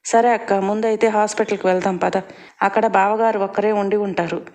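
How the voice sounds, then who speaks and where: A woman voicing a caring working mother who speaks gently and reassuringly. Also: medium pitch, steady tone, a little fast, lightly acted.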